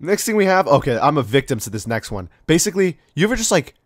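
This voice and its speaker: A man's voice: fairly high pitch, big pitch swings, fast talker, no echo, clean studio sound. A young man hosting a casual countdown video, rambling in slang with many fillers and acting out quoted voices. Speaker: video host.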